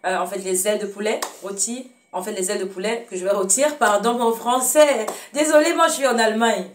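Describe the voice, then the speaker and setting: Speaking a little fast in a medium-pitched voice, this Cameroonian cooking show host demonstrates home cooking casually in her kitchen with a Cameroonian French accent. She hesitates, fills pauses, corrects herself often, and speaks fondly to viewers. The audio is distant, with a little hiss or hum.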